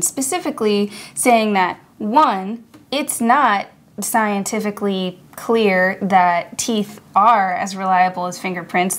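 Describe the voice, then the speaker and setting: A woman host narrates a scripted podcast essay in a mid-range voice. She keeps it casual and wry, breaking into chatty asides. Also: mid-range voice. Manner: casual, wry, conversational, laughs at own jokes.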